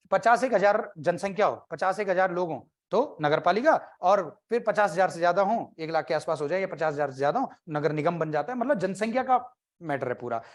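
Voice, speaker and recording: A male coaching teacher gives an exam-prep lecture. He keeps it loose and conversational, firing quick questions at the class and slipping in jokes between the facts. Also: high voice. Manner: conversational, quizzes students and jokes.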